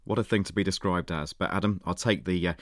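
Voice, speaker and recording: A middle-aged man hosting a science podcast, presenting in a lively, wry scripted style. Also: low-pitched, quick pace, dry recording, clean studio sound.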